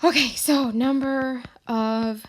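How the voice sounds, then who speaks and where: A woman math teacher working a problem aloud, switching to a slow, flat, robot-like computer voice. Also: sits high. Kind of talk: recorded classroom lesson, working a problem aloud.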